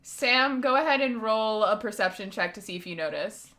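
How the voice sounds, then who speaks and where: A woman's voice: on the high side, animated, normal speed, bright, forceful tone. A woman running a tabletop game as game master, easygoing and hesitant with plenty of fillers.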